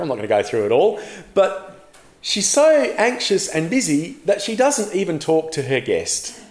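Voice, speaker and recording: A man preaching a sermon as a pastor, telling the story in a lively way and putting questions to the congregation. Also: fairly high pitch, reverberant.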